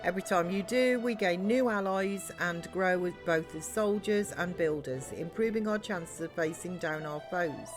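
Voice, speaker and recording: A woman's voice: lowish voice, normal speed, few pauses, over music, natural voice. A woman voicing an earnest, formal soldier and builder in game dialogue read aloud. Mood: encouraging. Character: earnest, formal soldier-builder questioning beliefs and rallying allies.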